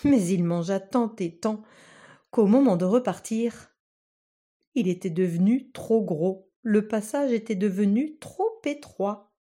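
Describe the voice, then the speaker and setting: A woman reading a fairy tale aloud as a storyteller, slow, calm and measured. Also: mid-range voice.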